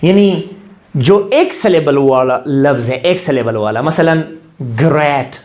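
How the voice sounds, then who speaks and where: A man's voice: on the high side, slow, darkish tone. A man teaching English grammar in a classroom-style lecture, asking questions and answering them himself, slipping into English phrases.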